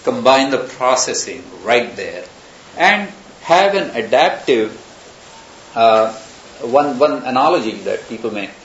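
A man's voice: mid-range voice, lively intonation, unhurried. A man giving a university lecture, talking through ideas in a discursive, thinking-aloud way with many examples. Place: lecture room. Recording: roomy, dull lecture recording with hiss.

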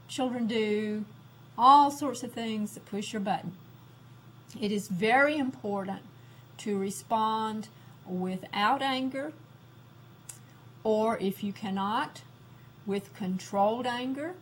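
A woman giving a lecture on classroom discipline, slow and deliberate, repeating her key points. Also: mid-range voice, a little hiss or hum, poor audio.

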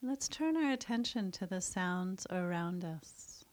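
A woman guides a mindfulness meditation in a soft, soothing voice. She speaks very slowly and leaves long pauses between phrases. Her voice sits a little low. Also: lively intonation.

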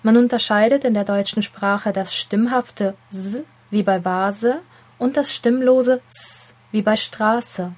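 A woman reads a scripted lesson, her delivery clear and deliberate. She addresses the listener directly as she explains, at a middle pitch for a woman. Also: darkish tone. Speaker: teacher. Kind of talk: scripted educational narration.

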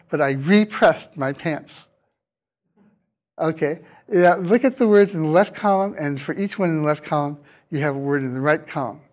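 Guy lecturing a college class, talks slow, quizzes the students, dry punny jokes. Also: fairly high pitch, darkish tone. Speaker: university lecturer.

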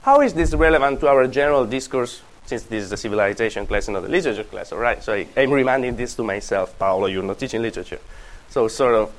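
A man's voice: mid-range voice, fast, poor audio. A man giving a university lecture, thinking aloud and correcting himself as he explains. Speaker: classics lecturer.

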